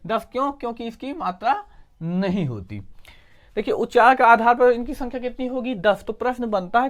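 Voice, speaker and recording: A male teacher with a high voice gives an exam coaching lesson. He asks questions, answers them himself, and corrects his own slips.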